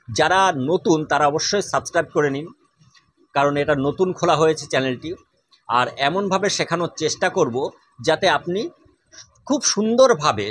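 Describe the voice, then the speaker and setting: A man's voice: a little high, fairly bright tone, husky. A man teaching a language lesson, patiently repeating and drawing out each vowel sound. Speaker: Sanskrit teacher. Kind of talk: spoken lesson on pronunciation.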